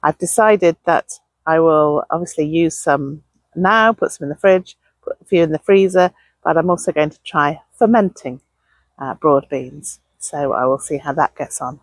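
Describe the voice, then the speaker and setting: Woman, low pitch, slightly rough voice, chatty gardening vlog, open air. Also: moderate pace, no echo. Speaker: allotment gardening vlogger. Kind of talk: casual, chatty outdoor video diary. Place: outdoors on an allotment.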